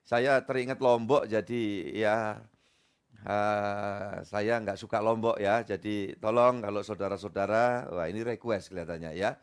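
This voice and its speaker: A man's voice: lowish voice, fairly even intonation, a little slow, smooth. A middle-aged male pastor, preaching a humorous, conversational sermon full of asides to the congregation. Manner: chatty, joking, peppered with asides to the congregation.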